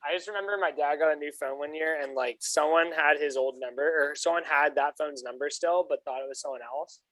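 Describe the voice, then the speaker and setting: A man's voice: a little high, brisk, a bit bright. A young man co-hosting a podcast, telling a loose, rambling story with lots of laughter. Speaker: podcast co-host. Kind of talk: casual chat.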